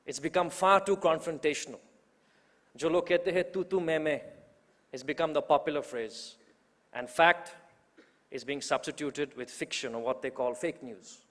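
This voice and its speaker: Young guy in his 20s making a fired-up speech, voice a bit high, long echo in a big hall. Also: moderate pace, fairly bright tone. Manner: rousing, emphatic, with rhetorical repetition. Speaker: youth organizer introducing the main speaker. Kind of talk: public speech at a political event. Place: large event hall.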